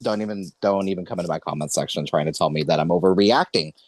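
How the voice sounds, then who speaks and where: A man's voice: low-pitched, fast talker, no room sound. A man in his late twenties hosting a podcast, talking in an earnest, rambling way and correcting himself often. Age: 20s. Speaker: podcast host. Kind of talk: casual podcast conversation.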